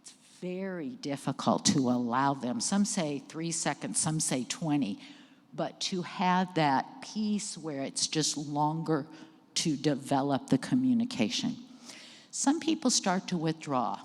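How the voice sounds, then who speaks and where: Low-voiced woman speaking in a reverberant hall. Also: animated, measured pace. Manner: conversational, checks in with the audience and cues slides. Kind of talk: educational presentation to a live audience. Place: church hall.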